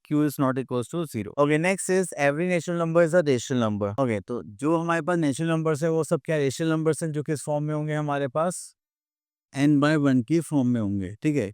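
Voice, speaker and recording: Clear-voiced male math teacher. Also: fairly high pitch, no echo, studio quality. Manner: mixes Hindi and English, asks and answers own questions; slows down to read textbook lines aloud. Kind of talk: classroom math lesson.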